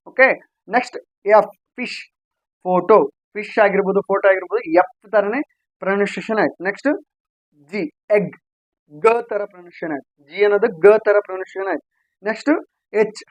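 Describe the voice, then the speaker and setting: A man's voice: high-pitched, no echo, dull audio. A man teaching English grammar sounds, repeating points and asking and answering his own questions. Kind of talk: explaining a lesson to viewers.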